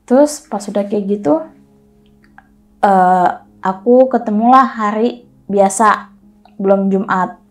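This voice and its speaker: A woman telling a personal story in casual chat, animated and acting out the voices of the people in it. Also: mid-range voice, slow, long pauses. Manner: animated, acts out dialogue in quotes.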